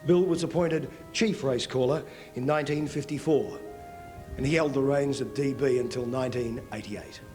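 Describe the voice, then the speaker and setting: A man giving scripted television narration in a measured storytelling way. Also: mid-range voice, a little mellow. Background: faint music bed.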